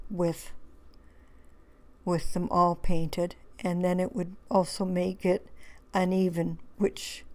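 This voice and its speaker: A hoarse woman, rambling through a relaxed crafting tutorial voice-over with many fillers and restarts. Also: lowish voice. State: hoarse, losing her voice. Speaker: craft video host.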